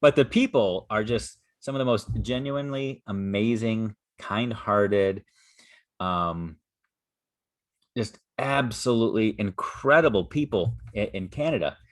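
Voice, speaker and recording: A man's voice: fairly low pitch, measured pace. Enthusiastic man hosting a podcast. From United States. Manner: enthusiastic and joking, with repeated words. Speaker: podcast host. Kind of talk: casual interview chat.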